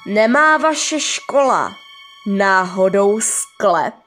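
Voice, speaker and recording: A woman's voice: medium pitch, lively intonation, fairly bright tone, soft background music, natural voice. A woman voicing Karube, a teenage boy eagerly sharing a rumor with his friends. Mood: conspiratorial.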